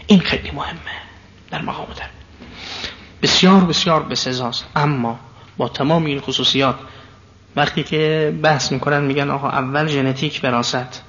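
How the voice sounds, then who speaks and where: A man giving a digressive lecture to an audience, stressing and repeating key phrases, sometimes speeding up when animated. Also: medium pitch. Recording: dull lo-fi sound.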